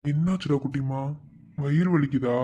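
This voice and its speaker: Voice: mid-range voice, moderate pace, lo-fi sound, loud music behind the voice, natural voice. A performer voicing a loving elder brother in a cartoon, tenderly soothing his sister.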